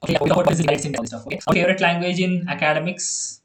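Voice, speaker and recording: A man with an Indian English accent tutoring a child in programming on a video call, chatty and quick to laugh. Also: a little high, fairly even intonation, reverberant, noisy background. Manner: chatty, laughs often, repeats okay and yeah. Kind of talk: online one-on-one coding lesson.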